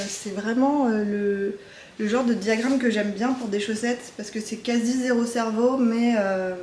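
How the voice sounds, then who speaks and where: A woman's voice: a little high, darkish tone, echoey room, slight background noise. A woman chatting casually as she shows her knitting projects, talking in a loose, hesitant way with frequent filler sounds. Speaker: knitting vlogger. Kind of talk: casual show-and-tell chat.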